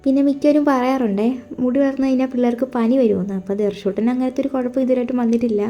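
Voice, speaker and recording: A woman's voice: a little high, steady tone, rapid-fire, muffled recording, faint music behind. A young woman from Kerala, a stay-at-home mother, chatting casually over her daily routine, homely and friendly. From Kerala, India. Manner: chatty, homely, with frequent friendly tag words.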